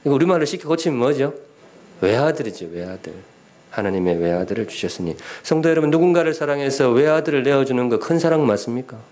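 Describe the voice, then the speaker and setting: Preaching fast in a mid-range voice, this middle-aged pastor from Gyeongsan in Korea's North Gyeongsang province gives a lively sermon in the church sanctuary. He keeps the congregation involved through questions and jokes.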